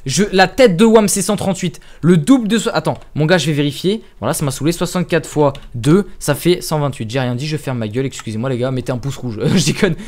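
A young man from France giving casual, self-mocking let's-play commentary over a headset mic, thinking out loud and swearing as he plays. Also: on the high side, fast talker, hardly any pauses. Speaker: gaming youtuber.

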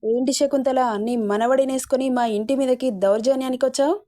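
Lady doing a greedy village guy picking fights, defiant, mellow tone. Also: high-pitched, steady tone, brisk, close to an everyday voice. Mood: accusing. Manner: defiant, threatening. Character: greedy quarrelsome village man.

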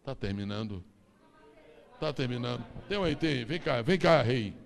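A man's voice: medium pitch, animated, normal speed, vocal fry. A male pastor preaching a sermon, animatedly acting out the story for his congregation. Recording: long reverb of a large church.

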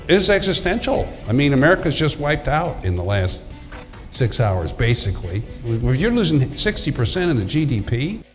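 A man speaking emphatically and urgently, heard in an old archival recording with distant sound. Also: medium pitch. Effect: old archival clip, distant sound. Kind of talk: urgent spoken remarks.

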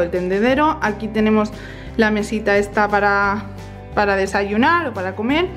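A young woman in her twenties giving a chatty, casual tour of her apartment, filmed on a handheld camera. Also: mid-range voice. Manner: chatty, addresses viewers directly. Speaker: vlogger giving a house tour. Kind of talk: casual house tour narration. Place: small apartment living room, indoors.

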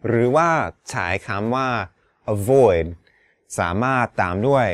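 A man's voice: medium pitch, expressive, slow pace, no room sound, clean studio sound. A man teaching English, explaining words and pronunciation carefully and politely.

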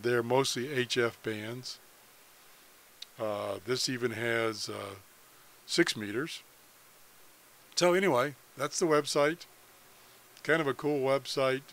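A mid-range, fairly bright male voice belongs to an American amateur radio fan giving an informal website walkthrough. He shares his screen and improvises, musing aloud along the way.

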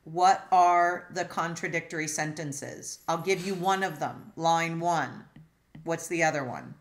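Woman instructor, low voice, very slow, leads a logic class over a video call with questions and restarts. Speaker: philosophy instructor. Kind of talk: online class lecture.

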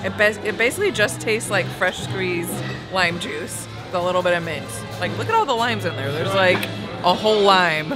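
A woman's voice: fairly low pitch, lively intonation, normal speed, music in the background. Chatty young woman vlogging aboard a ship. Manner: chatty, bubbly, lots of "like". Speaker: travel vlog co-host. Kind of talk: casual chat. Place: aboard a cruise ship, indoors.

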